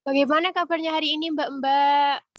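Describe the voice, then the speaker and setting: A retail trainer with a cold and cough leads an informal, conversational webinar over an online meeting, often checking in with her listeners. Her high-pitched voice keeps a level tone at normal speed. The audio is muffled and dull, with no room sound.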